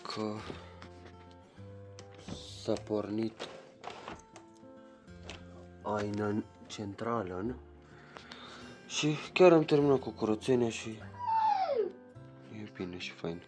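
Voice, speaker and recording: A man's voice: on the low side, long pauses, music in the background. A young man, chatting casually in a home vlog while scolding his child. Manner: chatty, rambling, scolding a child between remarks. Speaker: vlogger. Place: small bedroom at home.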